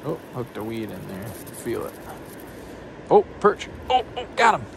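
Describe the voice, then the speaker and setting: On a rocky riverbank, a man vlogs casually while fishing, upbeat and excitable, his voice medium in pitch, a little slow and creaky. A body-worn action camera picks up his outdoor narration as noisy audio, with wind, outdoor sounds and a passing train behind him.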